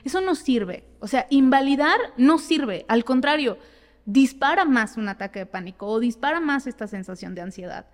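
Woman, psychotherapist, animated explanations, fairly high voice, reverberant room. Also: moderate pace. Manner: animated, explains with acted-out examples. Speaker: psychotherapist guest. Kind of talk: conversational advice in a podcast.

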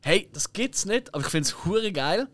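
A young man with a Swiss German accent talks in a chatty, rambling way and laughs often. His voice sits a little high for a man. He is recorded dry and close on a podcast mic. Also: expressive, normal speed, fairly bright tone, no echo. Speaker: podcast co-host. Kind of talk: casual chat.

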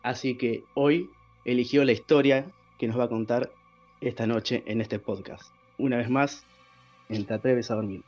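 A man's voice: medium pitch, fairly even intonation, normal speed, darkish tone, muffled recording, faint music behind. A man hosting a podcast, introducing the episode with enthusiastic, rambling lists. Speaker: podcast host.

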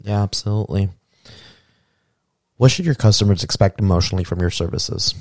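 A man's voice: lowish voice, a little fast, dry recording, studio quality. A man hosting a casual interview podcast, asking blunt questions and swearing freely. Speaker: podcast host.

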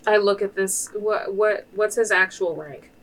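A woman's voice: medium pitch, measured pace, fairly bright tone. A woman playing a tabletop game, chatting casually about rules and dice rolls.

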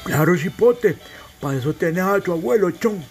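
A man's voice: high-pitched, lively intonation, moderate pace, soft background music. A man playing a teasing old Salvadoran grandfather. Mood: gruff tender. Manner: teasing, calls the boy a fool affectionately. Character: old grandfather Encarnación, gruff teasing and tender.

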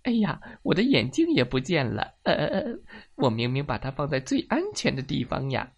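A woman's voice: extremely low pitch, sing-song, brisk, creaky, exaggerated voice. A woman voicing a forgetful, fussy mother hen who exclaims and frets in a storybook reading. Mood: flustered. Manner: flustered, exclaiming.

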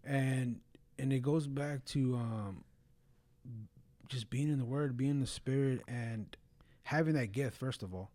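A man's voice: medium pitch, a little slow, warm tone. A man talking casually and earnestly about religion in a blunt way, often peppering his speech with slang and filler phrases. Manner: blunt, earnest, frequent "bro" and "you know".

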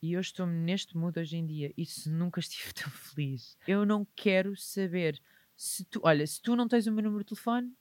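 A man's voice: high-pitched, moderate pace, darkish tone, no echo. A man in his twenties with a European Portuguese accent, a podcast guest talking openly and with emphasis about criticism. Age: 20s. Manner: emphatic, open and reflective, with sudden laughs. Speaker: guest entrepreneur. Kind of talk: candid podcast conversation.

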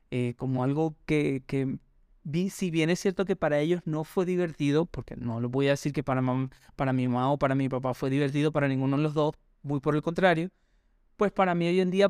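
A man hosts a personal podcast and tells a reflective, wandering story straight to his listeners. His voice is fairly high and very smooth and clear. The sound is dry and close. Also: a little mellow, dry recording. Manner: reflective, rambling anecdotal storytelling, addresses listeners directly. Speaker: podcast host.

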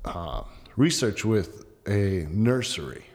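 A man's voice: lowish voice, expressive, slow, a little mellow, in a large hall. A man as a guest in a casual chat, agreeable, hesitating with many fillers.

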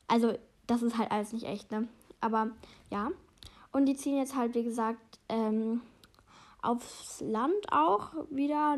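A woman's voice: fairly high pitch, a little mellow. A woman vlogger chatting casually about a children's book and reading from it, hesitant and stumbling, poking fun at her own reading.

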